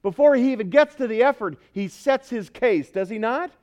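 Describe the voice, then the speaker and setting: A man preaching a sermon as pastor, swinging between loud, emphatic exhortation and quiet earnestness, often putting questions to the congregation. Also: very high voice, lively intonation, moderate pace, highs cut off.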